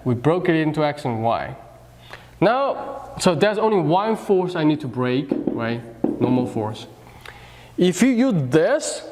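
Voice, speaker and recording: Male physics lecturer with a slightly raised pitch, talking through problems with restarts and check-ins, recorded in an echoing lecture hall. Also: darkish tone. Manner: explains step by step, checks in with "right?"; frequent restarts and fillers. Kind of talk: classroom lecture.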